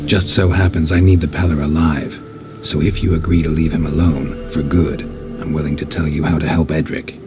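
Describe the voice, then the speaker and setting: A very deep-voiced, gravelly man as a stoic monster hunter in a video game. He is blunt and deadpan, weary but firm, with clear music behind him. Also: fairly quick. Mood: dry, firm. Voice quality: gravelly, low. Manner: deadpan, terse.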